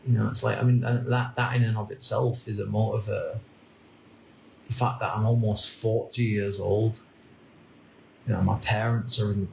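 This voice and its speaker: A man in his thirties from the UK, musing aloud in a slow, halting vlog monologue with many restarts. His voice sits on the low side with a gravelly edge. It is recorded in an echoey room over a faint ambient hum. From United Kingdom. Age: 30s. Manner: halting, repeats words and restarts often. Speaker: vlogger. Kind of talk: reflective personal monologue.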